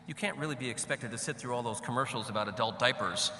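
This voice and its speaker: A middle-aged man delivers a commencement address in a big hall, his voice ringing back with a long echo. His tone is very bright and forceful, cut with wry asides. A faint hum sits under the room. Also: medium pitch, fast. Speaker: commencement speaker. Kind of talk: graduation speech. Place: large hall.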